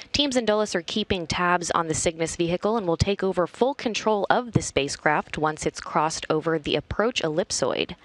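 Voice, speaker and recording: A woman's voice: on the low side, no room sound. A woman giving formal, informative live commentary as a mission control announcer. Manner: formal, clearly structured announcing. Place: flight control room.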